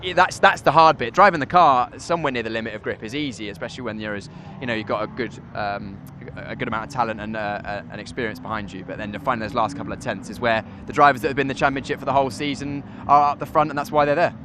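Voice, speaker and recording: Quick analytical race commentator man. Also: mid-range voice, background noise. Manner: relaxed, analytical. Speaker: race commentator and former driver.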